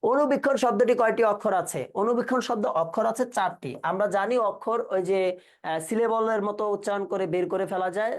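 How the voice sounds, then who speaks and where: A man runs an exam-prep class in a relaxed, colloquial way. He fires questions at his students and echoes their answers back as he goes. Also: sits high, a little fast. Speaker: teacher.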